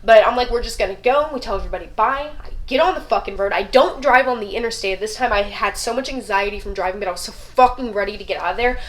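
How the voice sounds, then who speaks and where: A woman's voice: mid-range voice, quick pace, rough recording. A young woman telling her story in a casual vlog, swearing often and ranting with a lot of feeling. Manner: profane, animated, rants. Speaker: vlogger.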